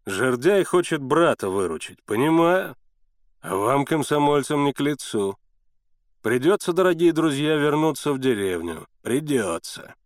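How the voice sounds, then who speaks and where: A man's voice: on the high side, sing-song, unhurried, no echo, studio quality. A man voicing a sly, mocking adult male boatman in a sneering, reproachful manner for an audiobook. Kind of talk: audiobook character voice.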